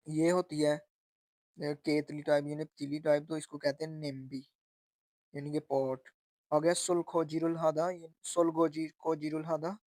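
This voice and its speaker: A man teaching textbook vocabulary, slowly repeating each word and its meaning. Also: a little high, darkish tone, no echo, studio quality. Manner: slow and repetitive, spelling out sounds and meanings. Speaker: language teacher.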